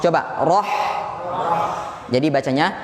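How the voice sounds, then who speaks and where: High-voiced teacher in an echoey mosque. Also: male voice, slow, a crowd in the background. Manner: patient, encouraging, counts the group in. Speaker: Quran recitation teacher. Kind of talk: classroom recitation drill. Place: large echoey mosque hall. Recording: echoey hall, faint room ambience.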